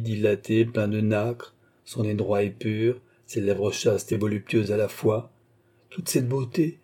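Dark, husky male audiobook narrator. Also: lowish voice. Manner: steady, measured reading. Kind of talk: scripted novel narration.

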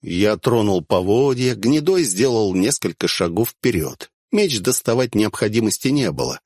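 A man's voice: on the low side, very animated, moderate pace, darkish tone, no echo. A man narrating a first-person fantasy audiobook with a wry, dry-humored delivery.

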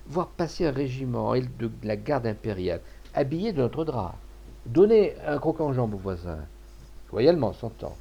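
A man voicing a shrewd old cloth merchant who talks loudly and emphatically, in an audiobook. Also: mid-range voice, gravelly. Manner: loud, blustering and emphatic. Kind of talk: audiobook character voice.

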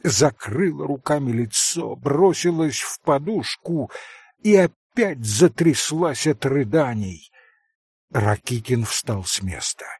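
Male narrator, audiobook, slow expressive storytelling, gravelly husky voice, dry close sound. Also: mid-range voice, no echo.

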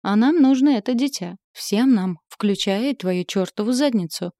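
A woman's voice: mid-range voice, expressive, normal speed, warm tone, dry recording, studio quality, voice pushed up, close to an everyday voice. A woman voicing a brash, mocking old female seer who turns out to be a goddess of prophecy, in a spoken story. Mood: gloating.

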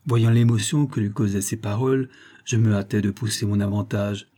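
A man reading a novel aloud in a steady, measured storytelling manner, with a husky voice. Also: fairly low pitch. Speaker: audiobook reader. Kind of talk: scripted narration.

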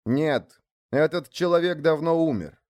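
A man's voice: fairly high pitch, animated, unhurried, darkish tone, voice pushed up. A man voicing a stubborn, humble male shaman who chants in a ringing voice in a storybook reading.

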